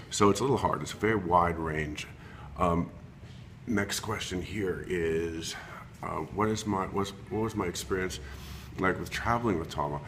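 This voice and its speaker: A man in his fifties with a low voice talks haltingly into a computer webcam, stopping for ums and restarting his sentences as he goes. It is an unrehearsed self-recorded introduction, with a faint hiss of noise behind him. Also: fairly bright tone. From Long Island, New York. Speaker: interior designer.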